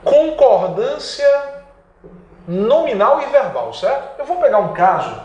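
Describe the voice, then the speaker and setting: The recording is roomy and muffled, carrying a high male voice at normal speed with wildly swooping pitch. He has a Brazilian Portuguese accent and teaches an emphatic online exam-prep grammar lesson, drawing out key words and answering his own questions.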